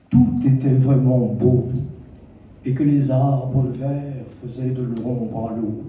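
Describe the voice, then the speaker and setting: Male poet, slow lyrical recitation, dark warm tone, distant mic in a reverberant hall. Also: medium pitch, a little hiss or hum. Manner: slow, lyrical, dramatic pauses. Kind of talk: poetry recitation with spoken story. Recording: echoey hall from far off.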